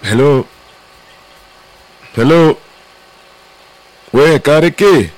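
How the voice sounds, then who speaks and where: A man's voice: a little high, lively intonation, very slow, low-quality recording. A man with a Kenyan accent hosting a casual live call-in radio show, playful and often repeating his phrases. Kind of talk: casual live call-in show chat, mixing Swahili slang and English. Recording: loud music behind the voice. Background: loud music.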